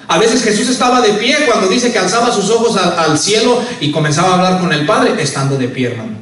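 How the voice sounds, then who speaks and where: A pastor with a high, slightly bright voice delivers a sermon in a church sanctuary, rising on key words and dropping low each time he says "hermano." The hall is very echoey and he sounds far from the microphone.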